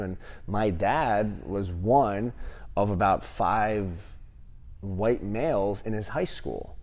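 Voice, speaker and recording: A man in his thirties, a gym owner, answering interview questions with animated stories and lots of fillers, on a lapel mic in a large gym. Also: on the low side. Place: large empty gym, indoors.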